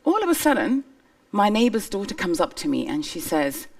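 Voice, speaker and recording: A woman's voice: mid-range voice, sing-song, normal speed, far from the mic. A woman from Somalia giving an earnest, emphatic personal testimony on stage before an audience. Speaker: speaker on stage.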